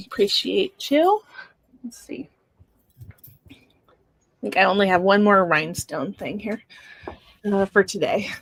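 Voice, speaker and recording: Slow, halting woman hosting a live sale. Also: mid-range voice, vocal fry, breathy edge, low-quality recording. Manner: unhurried, halting, with many fillers and restarts. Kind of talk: casual live-sale chat.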